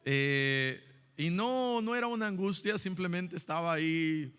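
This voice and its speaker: A man's voice: sits high, measured pace, fairly bright tone, clean tone. A middle-aged man preaching a Sunday school sermon as pastor, telling personal stories in a conversational way with many fillers and restarts. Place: church hall. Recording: long hall reverb.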